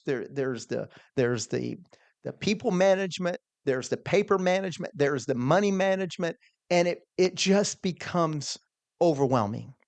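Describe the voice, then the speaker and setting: A man's voice: on the high side, darkish tone, dry recording. A middle-aged man, a small business owner, telling a personal story in an earnest, conversational way, often restarting his words.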